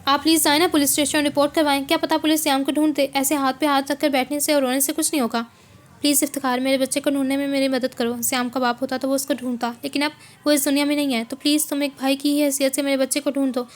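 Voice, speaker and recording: Woman reading as a heartbroken mom begging for help, slightly high voice. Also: little pitch movement, fast talker, close to an everyday voice. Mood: grieving. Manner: pleading, desperate. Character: grieving young mother searching for lost son. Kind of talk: novel reading.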